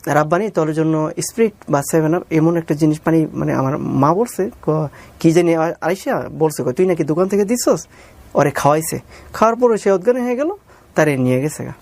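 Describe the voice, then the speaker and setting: A man with a Bangladeshi accent tells his own story as an interview guest, re-telling conversations as he goes and deferentially calling the interviewer "sir." His voice is on the high side and a little mellow, expressive and a little fast.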